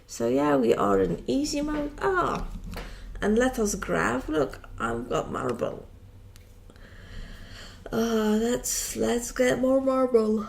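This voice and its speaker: A woman's voice: on the high side, slow pace, vocal fry, long pauses, a little mellow, a little hiss or hum. A tired woman giving casual, rambling commentary while playing a modded building game, chatty and self-mocking. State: tired, yawning. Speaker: Minecraft modpack let's-player.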